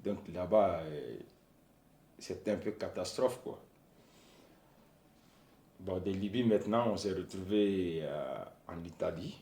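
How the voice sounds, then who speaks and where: Young man, very deep, slow, halting testimony, roomy echo. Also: dark tone. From Côte d'Ivoire. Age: 20s. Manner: halting, searching for words. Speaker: young interviewee. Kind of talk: personal testimony.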